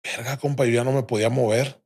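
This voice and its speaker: A man's voice: medium pitch, fairly even intonation, fast talker, darkish tone. A young adult man with a Mexican accent, a podcast guest telling a crude, vivid story full of slang and swearing. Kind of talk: casual storytelling.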